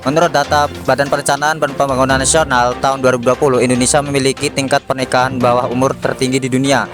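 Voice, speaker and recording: A man reading scripted documentary narration in an even, read-aloud manner. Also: mid-range voice, fast. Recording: voice-over with background music.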